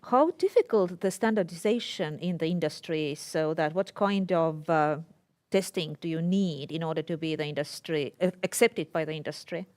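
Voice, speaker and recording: Female pitch judge, lower register, unscripted questioning. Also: normal speed, darkish tone.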